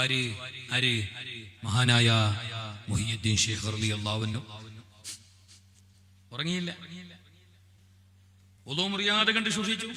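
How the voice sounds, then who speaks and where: A male Islamic preacher, delivering a sermon in a melodic sing-song chant that drops to quiet asides. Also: sits high. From Kerala. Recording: reverberant hall with long echo.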